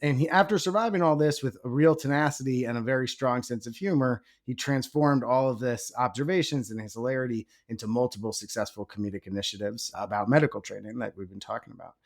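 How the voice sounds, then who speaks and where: A man with an average-pitched voice co-hosts a medical podcast. He is friendly and agreeable, laughing along with his guests and reading the disclaimer with a light touch. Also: quick pace, few pauses. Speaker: podcast co-host, doctor. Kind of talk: podcast interview.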